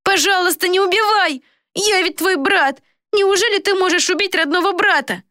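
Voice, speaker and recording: Storybook coward, young man on his knees, high shrill pleas, voiced by a female narrator. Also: moderate pace, bright, forceful tone, dry recording, clean studio sound. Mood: pleading. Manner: shrill pleading. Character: cowering young man begging for his life.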